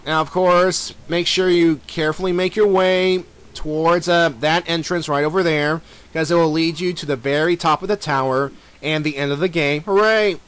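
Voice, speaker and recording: Young male let's player, high voice, loose rambling commentary full of fillers. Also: fairly even intonation, moderate pace, a bit bright, clean tone. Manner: rambling, many fillers and restarts, talks to the villain directly. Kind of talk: casual game commentary.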